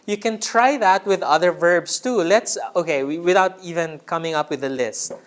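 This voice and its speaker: A man's voice: high-pitched, normal speed, slight background noise. A man training a writing workshop in a room, teacherly, repeating key words and checking in with the group. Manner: teacherly, checks in with "right?" often.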